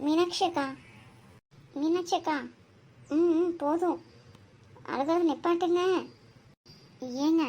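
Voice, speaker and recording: A cheeky young girl, voiced by a woman, chatters in a high voice. She is teasing and talkative. It is a cartoon role. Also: steady tone, takes it slowly, pauses often, a little mellow.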